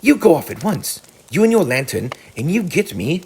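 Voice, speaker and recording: A man's voice: fairly high pitch, sing-song, moderate pace, vocal fry, darkish tone, breathy edge, voice pushed up, exaggerated voice. A man voicing a hearty, masterful male rat who speaks in a commanding way. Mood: brisk, commanding.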